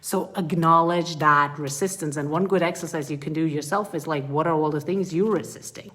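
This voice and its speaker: A woman coaching parents in a live group talk, her voice low and full. She speaks earnestly and with animation, and often slips into acting out what a parent or child would say. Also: fairly quick, a bit bright.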